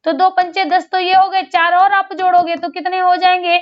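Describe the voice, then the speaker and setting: A woman's voice: extremely high pitch, flat delivery, normal speed, lo-fi sound. A woman teaching grammar in an online exam-prep lesson. She asks a question, answers it, then repeats it, and she sounds out syllables aloud for drilling.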